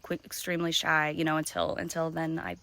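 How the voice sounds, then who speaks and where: A woman's voice: low-pitched, level tone, a little fast, bright, forceful tone, dry recording. A woman talking in a rambling, filler-heavy, partly whispered way in a casual personal vlog, recorded outdoors in the woods. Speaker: vlogger.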